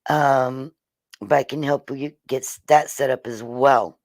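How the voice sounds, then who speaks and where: A slightly hoarse host casually explaining weather radar on a livestream, halting with frequent ums and throat clearing. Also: medium pitch, fairly even intonation, no echo.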